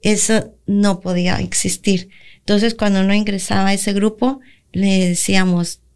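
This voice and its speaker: A woman's voice: mid-range voice, flat delivery, moderate pace, darkish tone, clear, resonant tone. A woman pastor with a Latin American Spanish accent giving an earnest testimony on a church radio program, acting out her own prayers as she tells the story.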